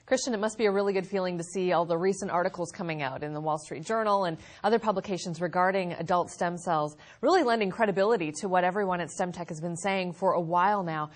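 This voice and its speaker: A woman's voice: on the low side, fast, hardly any pauses. A woman co-hosting an infomercial, presenting scripted lines and interview questions in a polished way. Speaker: infomercial co-host.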